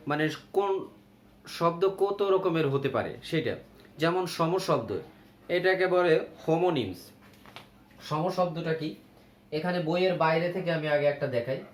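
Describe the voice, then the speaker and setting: Man teaching a grammar lesson, echoey room. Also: a little high. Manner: explains slowly, lists words, checks with "ok?". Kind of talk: grammar lesson for young pupils. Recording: echoey room with faint ambience.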